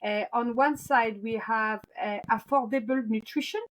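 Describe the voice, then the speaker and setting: A woman food scientist answering interview questions in a measured, thoughtful manner, pausing often with "um" and "uh". Her voice is somewhat higher than average for a woman. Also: low-quality recording. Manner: measured and thoughtful, with frequent pauses. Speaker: podcast guest, food scientist. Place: Europe.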